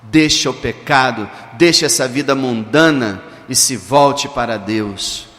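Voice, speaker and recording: A man voicing God, who speaks solemnly and gravely to call a sinner to change. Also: mid-range voice, unhurried, a bit bright, voice pushed down, lightly acted. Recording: reverberant church hall.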